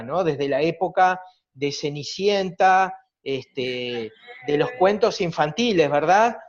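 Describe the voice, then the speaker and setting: A man with a Uruguayan accent, a psychologist giving a reflective, explanatory talk at a virtual conference. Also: sits high. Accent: Uruguayan Spanish. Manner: reflective, explanatory, rhetorical tag questions. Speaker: psychologist lecturer. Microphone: video call. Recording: dull lo-fi video call audio.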